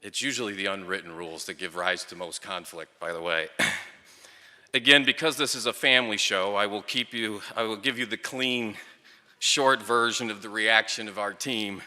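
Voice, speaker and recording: A man's voice: lowish voice, steady tone, moderate pace, sharp tone. A middle-aged man giving a storytelling tribute speech at a ceremony, with wry, dry humour. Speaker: speaker at a ceremony, former player and coach. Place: large hall or venue, speaking to an audience at a microphone. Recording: echoey hall with long reverb.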